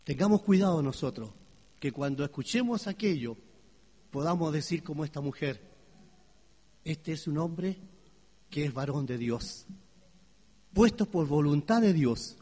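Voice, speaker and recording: A man preaching a sermon, moving between hushed low passages and loud high exclamations and asking his listeners questions. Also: animated, measured pace, pauses often, husky. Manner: asks the congregation questions. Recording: long hall reverb.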